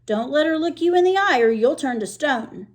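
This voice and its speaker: A woman reading aloud, voicing a chatty young girl who gives warnings in an animated, storytelling way. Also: high voice, normal speed, pitched above the performer's own voice. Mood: teasing.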